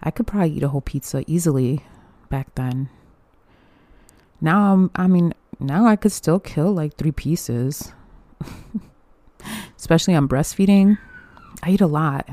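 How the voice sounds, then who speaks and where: A young woman delivers a casual solo podcast monologue, candid and chatty, with frequent swearing and laughter. Her low, warm voice is unhurried and pauses often, with no echo.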